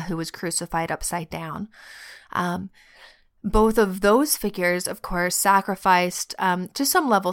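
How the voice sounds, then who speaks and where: Slow, soft-spoken woman podcast host. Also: fairly low pitch. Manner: slow, soft and heartfelt, drops to whispers, laughs often. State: sick and choked up. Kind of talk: reflective solo podcast talk.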